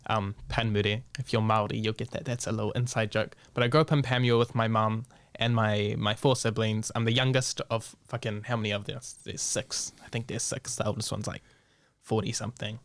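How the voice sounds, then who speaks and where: A man's voice: fairly low pitch, flat delivery, fairly quick, no echo. A young man with a New Zealand accent, a guest speaking bluntly and frankly in a casual interview, swearing freely and mixing in Māori words.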